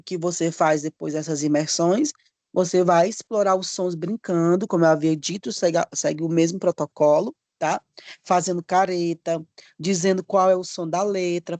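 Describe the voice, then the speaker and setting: A man teaching a live online literacy course, warmly stretching out letter sounds for demonstration and often checking in with his listeners. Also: sits high, dry recording. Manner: frequent checking tag questions; friendly, addresses listeners as dear ones.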